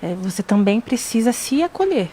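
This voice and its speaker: A woman on a radio talk show who explains her points calmly and repeats key phrases for emphasis. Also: fairly high pitch, moderate pace, a little hiss or hum. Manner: calm, explanatory, stresses points by repeating them. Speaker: radio show participant on parenting.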